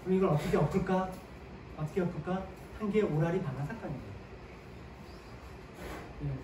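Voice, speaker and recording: Male history lecturer, high voice, question-and-answer teaching manner, distant mic in a reverberant classroom. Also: fairly quick. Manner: asks the class questions and answers them himself; sprinkles short "네" affirmations while explaining. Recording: echoey room, mic at a distance, faint ambient noise.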